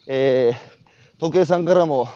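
This host is a man from Iwate, Japan, with a Tohoku accent, conducting a walking interview outside and telling animated stories laced with rhetorical questions. He speaks at medium pitch and a slow pace, with no room sound and dull audio.

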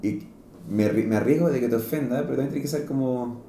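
A podcast host with a Chilean Spanish accent chats casually, rambling with slang and frequently restarting. His mid-range voice is quick and dark-toned, and the recording sounds roomy with a little hiss or hum.

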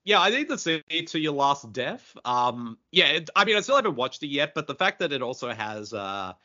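A man's voice: on the high side, very animated, moderate pace, pushed and bright. A man hosting a podcast, chatting casually with many fillers. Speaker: podcast host. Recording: dull lo-fi podcast audio.

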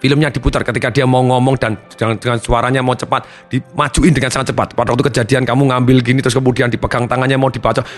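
Telling a patient's story to his seminar audience, a man who trains people in trauma therapy speaks fast at medium pitch, barely pausing, with soft music underneath. He animatedly acts out voices and counts aloud.

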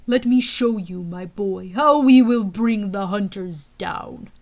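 A woman voicing a cold, scheming male villain general who speaks slowly and loudly. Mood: menacing. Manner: slow, booming, menacing delivery.

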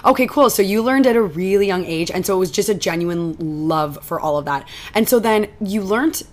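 A woman hosting a casual interview, relaxed and curious, chiming in with quick questions. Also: medium pitch. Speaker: podcast host.

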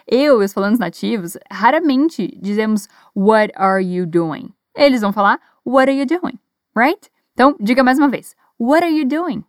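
A woman with a Brazilian Portuguese accent teaching an English lesson. She pronounces model phrases slowly and carefully, has learners repeat them after her, and encourages them. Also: a little high, animated, no room sound, clean studio sound.

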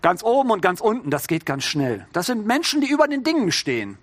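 A middle-aged man delivering a sermon in a loose, conversational way, as if chatting with his congregation. His voice sits fairly high and he keeps checking in with them through little rhetorical questions. The sound is dry and close, with no room echo. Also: sing-song, a little fast. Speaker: preacher.

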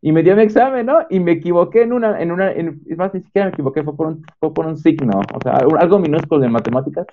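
A young man with a Mexican accent tells of his own schooling in a casual, animated way and acts out the dialogue he recalls. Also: on the high side, fast talker, hardly any pauses, slight background noise. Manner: animated storyteller who acts out quoted dialogue. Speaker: homeschooled former student sharing experience. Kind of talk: casual testimonial talk. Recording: tinny phone-like sound.

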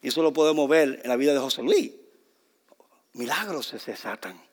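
Fervent pastor preaching. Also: male voice, medium pitch, lively intonation, moderate pace, slight background noise. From Puerto Rico. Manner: fervent, swings from soft to loud, mixes in English fillers. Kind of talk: sermon. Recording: long hall reverb.

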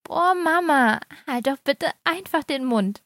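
A woman's voice: high voice, very slow, a bit bright, no room sound, studio quality, exaggerated voice. A woman voicing an embarrassed fourteen-year-old girl who mumbles and whines.

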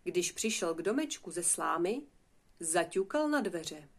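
A woman reading a children's fairy tale aloud in a lively, expressive way. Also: fairly low pitch, slightly rough. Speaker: storyteller. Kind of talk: storybook reading.

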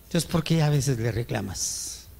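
A man's voice: mid-range voice, expressive, a little slow, creaky, a little mellow. A male pastor preaching a sermon, firing rhetorical questions at the congregation and acting out whiny complaints to God. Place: church. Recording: reverberant church hall.

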